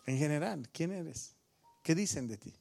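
A middle-aged Mexican-accented pastor preaches to a congregation, his slightly high voice crackling with gravelly fry. He keeps asking the room question after question and calls on people by name. Soft music plays faintly behind him. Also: lively intonation, a little slow. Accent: Mexican Spanish. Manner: asks the congregation many questions, teases listeners by name. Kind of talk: sermon. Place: church with a congregation.

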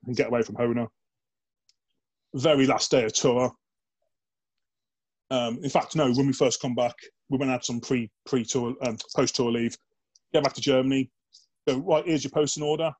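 A man's voice: medium pitch, a little mellow, breathy edge. A man, a former soldier, telling anecdotes in a casual interview, chatty and blokey, with frequent "like" and swearing, and acting out the voices in his stories. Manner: chatty and blokey, peppered with "like" and swearing, acts out quoted dialogue.

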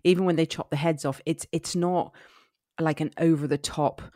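A woman's voice: low-pitched, fairly even intonation, moderate pace, warm tone, no room sound, clean studio sound. A woman from Somerset with a West Country accent, chatting casually and bluntly about films, with some swearing. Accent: West Country English, Somerset. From Somerset, England. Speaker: film podcast co-host. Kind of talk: casual film chat.

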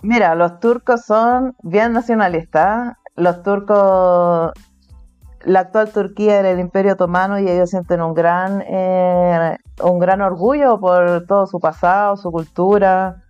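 Chilean woman interviewee, relaxed chatty talk, dry dull-ish audio. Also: medium pitch, a little slow, clean tone, no room sound, faint music behind. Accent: Chilean Spanish. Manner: casual, chatty, laughs between points. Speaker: interviewee, artist living abroad. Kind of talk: remote interview conversation.

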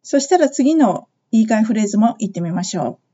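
A woman's voice: fairly high pitch, expressive, dark tone, husky, lo-fi sound. Japanese-speaking woman teaching English phrases. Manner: explains slowly, models phrases for repetition. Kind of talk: podcast language lesson.

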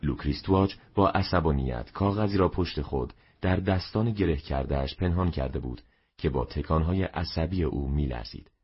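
A man reading a novel aloud as narrator, in a steady, measured way. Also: a bass voice, breathy edge. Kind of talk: audiobook narration. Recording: dull lo-fi recording.

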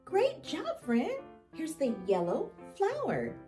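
Slow, sing-song kindergarten teacher woman. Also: high-pitched, wildly swooping pitch, mellow, faint music behind. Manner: kindergarten teacher voice: encouraging, sing-song, simple questions with pauses. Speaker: children's show host. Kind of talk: preschool lesson addressed to young children.

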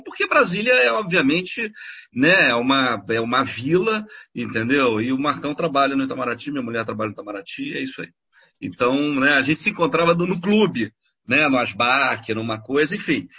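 Brazilian comics critic, middle-aged man, rambling, lively storytelling, slightly husky and higher-pitched voice, lo-fi audio. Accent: Brazilian Portuguese. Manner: rambling, animated storytelling with many restarts. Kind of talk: casual podcast conversation.

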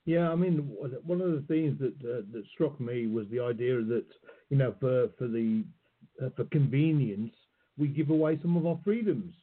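A man hosting an interview, asking questions in a halting, hesitant way, heard over a phone-like call line. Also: medium pitch. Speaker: podcast host. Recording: husky voice on tinny phone-like call.

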